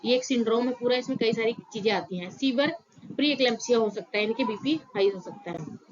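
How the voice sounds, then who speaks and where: A woman's voice: on the high side, brisk, highs cut off, a little hiss or hum. A woman teaching an exam-prep nursing lecture, explaining step by step and often repeating key terms with small fillers. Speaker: nursing tutor.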